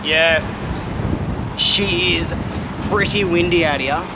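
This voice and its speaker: An Australian man vlogging from a small boat on a windy river, talking in a laid-back, slangy way with sudden loud whoops. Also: fairly high pitch, slow pace. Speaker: fishing vlogger. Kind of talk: casual outdoor vlog narration.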